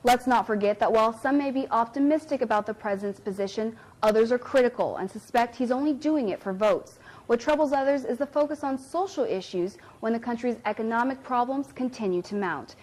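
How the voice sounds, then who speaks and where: Female reporter, clear even delivery, slightly high pitch. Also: fairly quick, hardly any pauses, rough recording. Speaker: TV news reporter. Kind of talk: live news report.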